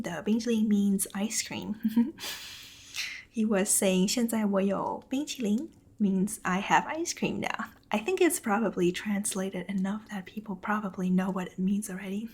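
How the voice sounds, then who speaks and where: A Taiwanese VTuber streamer whose first language is Mandarin Chinese chats with her viewers in a soft, breathy ASMR whisper. Her voice is mid-range, and she's giggly and hesitant, dropping lots of ums.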